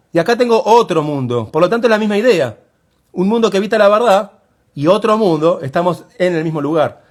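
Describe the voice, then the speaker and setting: A male poetry teacher with a high voice that swings widely up and down as he talks. He explains a poem step by step and keeps asking his listeners to notice each detail. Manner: explains step by step, often calling on listeners to look closely.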